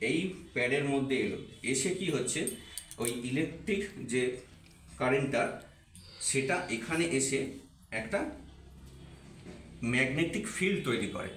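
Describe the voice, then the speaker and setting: In an echoey indoor room, a man presents an informal physiotherapy demonstration to camera, walking through each step and frequently repeating himself in a somewhat high voice. The distant microphone catches lots of reverb, with music playing behind him.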